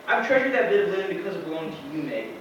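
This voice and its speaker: An ardent, tender young suitor, played by a man on stage, pleads earnestly at a hurried pace. The sound is distant and noisy, full of theatre echo. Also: high voice, very animated, muffled recording. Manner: eager, pleading. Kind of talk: stage acting. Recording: echoey theatre, far microphone, noisy.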